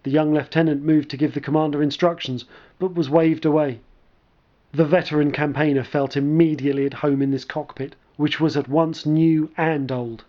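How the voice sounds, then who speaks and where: A man narrating a scripted story in a measured, dry storytelling manner. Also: fairly high pitch, fairly even intonation, muffled recording.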